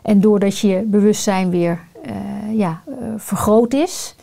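Mellow-voiced woman coach, thoughtful and searching. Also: mid-range voice, measured pace. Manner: thoughtful, searching for words with many fillers. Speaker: guest, coach and family constellation facilitator. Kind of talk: reflective podcast conversation.

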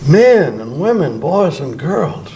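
A man's voice: fairly high pitch, very animated, slow pace, mellow, a little hiss or hum. An older man, a pastor, preaching a sermon at a church podium microphone, drawing out words for emphasis. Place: church sanctuary before a bank of flowers.

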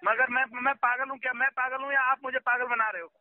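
A man with a very high voice scolds a customer in a rushed, agitated burst, over and over demanding to be heard. He talks quickly and cuts in constantly. The sound comes through a tinny phone line. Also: fairly even intonation, crowd noise. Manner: agitated, keeps repeating "listen to me", talks over the other man. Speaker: loan recovery agent. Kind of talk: heated phone argument. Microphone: phone call.

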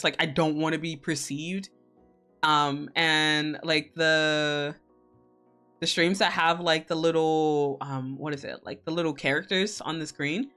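A woman's voice: low voice, bright, forceful tone. A woman hosting a casual livestream as a VTuber, chatting with viewers in a playful, giggly, mock-scolding and casually sweary way. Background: music.

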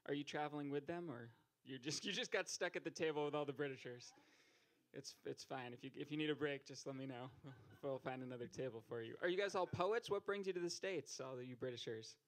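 A young man with a medium-pitched voice hosts a poetry open mic on a small stage, speaking briskly into a handheld mic. He jokes and teases the crowd with stand-up style banter, building to loud calls to the stage.

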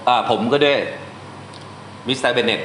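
A male translation teacher giving an informal classroom lesson, talking through examples step by step and reading English lines slowly. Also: mid-range voice, steady tone, a bit bright, reverberant, slight background noise.

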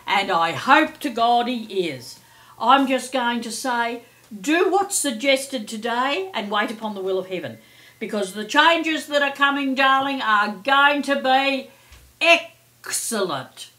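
An older woman with a bright, forceful, fairly high voice presents a daily horoscope. She is chatty and theatrical, with a playful, effusive way of addressing her listeners as darlings. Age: middle-aged or older. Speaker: psychic and astrology host.

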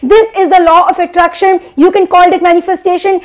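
A woman's voice: extremely high pitch, little pitch movement, brisk. A young woman from India giving an earnest, emphatic spiritual motivational talk, preachy and repeating phrases to drive points home. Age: young adult. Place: small indoor room, seated at a desk.

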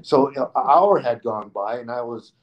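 A man being interviewed on a podcast, telling a lively anecdote in casual speech, often restarting his phrases. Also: mid-range voice, moderate pace, lo-fi sound. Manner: animated anecdote teller with frequent restarts, acting out quoted people. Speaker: guest.

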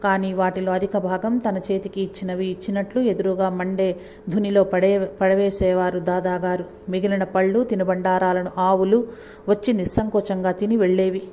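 A woman reading a saint's life story aloud, in a steady, measured way, pausing to correct her own slips. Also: medium pitch, slight background noise. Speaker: narrator reading a saint's biography. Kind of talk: devotional book reading.

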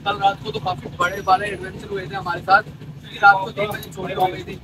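A man's voice: high voice, level tone, fairly quick. A young man casually narrating a train journey vlog to his viewers, chatty and upbeat, filming himself on a phone at arm's length. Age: young adult. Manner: chatty, addresses viewers as guys. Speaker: travel vlogger. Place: crowded train coach and station platforms. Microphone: handheld phone at arm's length. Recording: noisy train and station.

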